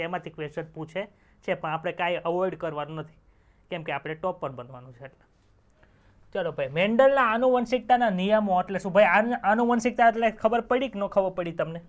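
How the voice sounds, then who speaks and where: A young male teacher with a high-sitting voice gives an online exam-prep lecture in a chatty style, cracking jokes and quizzing students with rhetorical questions.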